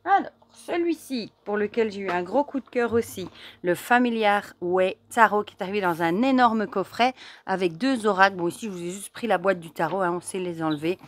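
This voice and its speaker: A woman's voice: medium pitch, brisk, slight background noise. A woman chatting casually to camera as she shows tarot decks, enthusiastic, with many fillers and repeated words. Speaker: tarot deck reviewer. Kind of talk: casual show-and-tell to camera.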